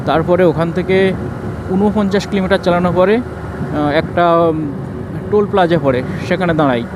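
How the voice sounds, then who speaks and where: Guy doing a casual travel vlog, voice a bit high, clear road noise behind him. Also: normal speed. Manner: informal, explanatory, giving route advice. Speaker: travel vlogger. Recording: noisy outdoor road and vehicle sound.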